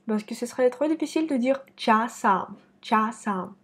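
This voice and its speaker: A woman teaching a slow pronunciation lesson to camera, repeating words deliberately. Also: high voice, dark tone, husky. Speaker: Russian teacher. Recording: speaking to camera.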